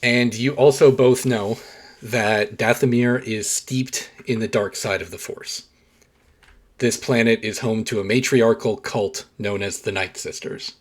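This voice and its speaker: A man narrating as game master, with frequent hesitant pauses and fillers. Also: lowish voice, steady tone.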